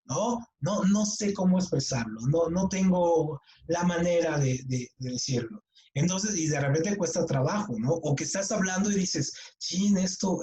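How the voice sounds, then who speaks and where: A man's voice: on the high side, dark tone, slight background noise, low-quality recording. A middle-aged man with a Mexican accent teaching a writing workshop in a casual, chatty way, often restarting and repeating words. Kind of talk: online class lecture.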